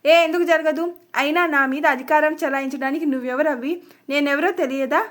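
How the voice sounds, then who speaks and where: A wounded young wife in a storybook drama, voiced by a woman, bitter and accusing. Her voice stays high as she pushes back. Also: fairly quick, fairly bright tone. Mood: hurt, defiant. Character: young wife, hurt, defiant and tearful.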